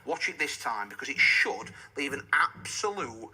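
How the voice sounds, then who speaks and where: A man pitches a product in home shopping host style, with a very bright, forceful and husky voice. His intonation swings up and down as he walks viewers through each step and hammers home the selling points. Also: sing-song, moderate pace, low-quality recording. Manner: instructional, step-by-step, emphatic selling.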